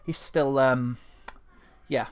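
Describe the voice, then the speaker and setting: Recorded dry, a man from Leeds, England, with a Leeds Yorkshire accent rants about football in a heartfelt, frustrated vlog monologue full of passion. His mid-range voice is clear and resonant, slow-paced with fairly even intonation.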